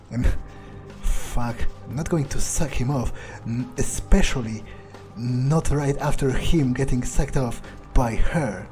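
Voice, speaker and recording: Here a man roleplays a video game vampire, a cynical, foul-mouthed male hunting the city for prey, thinking aloud in a casual, sweary, hesitant mutter. The mood is frustrated and sardonic, his mid-range voice only lightly acted, with game music running behind the in-character monologue.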